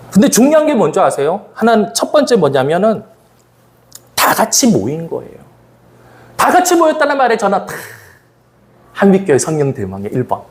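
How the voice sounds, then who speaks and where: Male pastor, sermon, very lively pitch, playful, frequent laughter, asks the congregation for amens. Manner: animated and playful, laughs often between phrases; talks directly to the congregation, asking for amens. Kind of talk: sermon at a Friday evening revival service.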